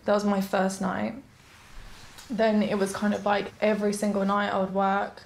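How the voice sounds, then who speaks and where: A woman interviewed for a documentary, recounting events in a soft, halting, hesitant way. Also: medium pitch, monotone, creaky. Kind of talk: recounting personal experiences in an interview.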